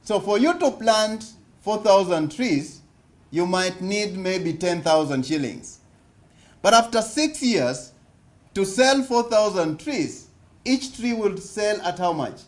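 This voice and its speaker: A Kenyan man with a high voice and lively intonation speaks slowly in a conference hall during an interactive seminar talk at a business forum. He often asks the audience questions and repeats his points.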